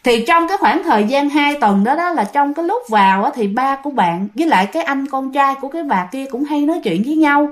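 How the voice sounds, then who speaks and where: A woman with a southern Vietnamese accent recounts a ghost story in a relaxed, chatty way and keeps talking directly to her listeners. Her voice sits fairly high and swings widely in pitch as she builds the tale. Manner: chatty, addresses listeners directly, animated retelling. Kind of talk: casual spoken storytelling.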